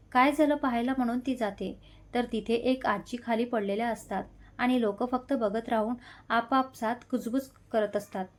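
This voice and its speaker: A woman reads a romantic story aloud as its narrator. She tells it in a steady, dramatic manner. Her voice sits a little higher than most women's. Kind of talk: scripted narration of a love story.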